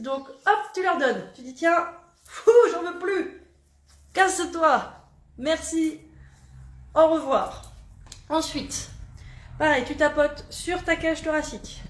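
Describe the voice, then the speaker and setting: A woman's voice: high voice, echoey room. A woman body coach guiding a morning self-massage routine in a chatty, playful way, laughing at herself, with a put-on southern French accent.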